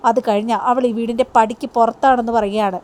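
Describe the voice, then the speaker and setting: A woman's voice: fairly high pitch, fairly even intonation, fast talker, darkish tone. Chatty woman retelling a soap episode. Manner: chatty, storytelling. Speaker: TV serial reviewer.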